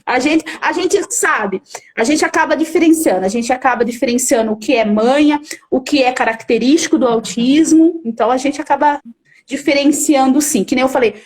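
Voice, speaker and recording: High-voiced emphatic woman teacher. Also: moderate pace. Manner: emphatic, acts out firm commands. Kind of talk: explaining in an interview.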